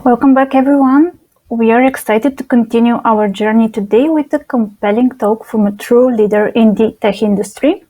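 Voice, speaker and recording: A woman's voice: on the high side, normal speed, dark tone, rough recording. Formal woman hosting a conference stream. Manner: scripted, formal introductions. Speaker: conference host. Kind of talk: event moderation.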